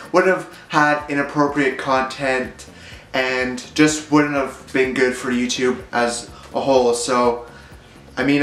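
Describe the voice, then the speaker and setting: A man's voice: mid-range voice, fairly bright tone, echoey room, slight background noise, rough recording. A young man rambling through a casual vlog monologue, hesitant and full of fillers. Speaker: YouTuber.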